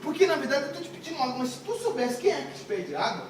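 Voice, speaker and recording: A man's voice: very high-pitched, expressive, quick pace, a little hiss or hum, voice pushed up. A man voicing a casual, blunt young man from Galilee in a joking sermon retelling, heard from a distant mic in a very echoey room. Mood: gentle.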